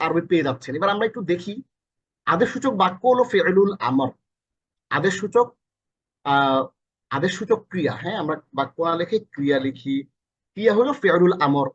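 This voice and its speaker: A fairly high-pitched man with a Bangladeshi accent teaches a recorded lesson, repeating each meaning several times and fixing his own slips as he goes. His voice is a little breathy, and the recording sounds dull and lo-fi. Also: expressive, brisk, long pauses. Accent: Bangladeshi Bengali. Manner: corrects himself mid-lesson. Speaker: Quran teacher. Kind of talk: recorded lesson explaining Arabic verses.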